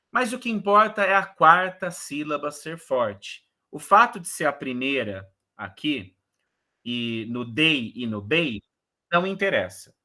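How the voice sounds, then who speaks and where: A man giving a casual online lecture on verse rhythm, explaining in a relaxed way and counting syllables aloud. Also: medium pitch. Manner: casual explanatory, frequent "né" and "beleza". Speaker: poetry course instructor.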